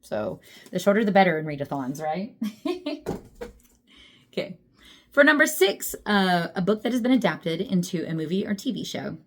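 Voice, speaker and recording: A woman's voice: lowish voice, very animated, moderate pace, long pauses, a little hiss or hum. A young adult woman chatting casually about books, laughing often and poking fun at herself. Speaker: book vlogger. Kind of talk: casual chat.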